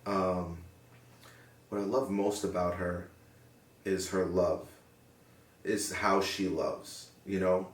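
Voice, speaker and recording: A young man speaking in an interview in an earnest, reflective way, often pausing to search for words. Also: deep voice, flat delivery. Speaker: interviewee, paramedic. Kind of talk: sit-down interview. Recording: roomy sound from a distant mic.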